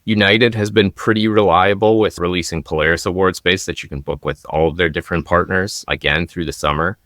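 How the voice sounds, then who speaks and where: A man's voice: sits low, steady tone, fairly quick, a bit bright, no room sound, clean studio sound. A man speaking as an expert guest on a podcast, explaining things upbeat and enthusiastically. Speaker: travel deals expert guest. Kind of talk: podcast conversation. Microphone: podcast microphone.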